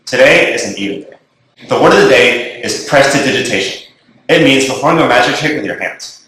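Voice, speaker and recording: Brisk male announcer over a school intercom. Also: mid-range voice, animated, bright, forceful tone. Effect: heard over a school intercom. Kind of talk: reading morning announcements. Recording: echoey intercom speaker.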